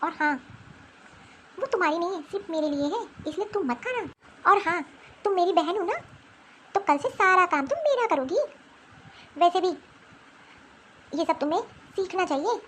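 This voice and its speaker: A woman voicing several figures in a Hindi animated family story. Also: extremely high pitch, moderate pace, long pauses, a little hiss or hum. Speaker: voice actor for several cartoon figures. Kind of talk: Hindi cartoon voice acting.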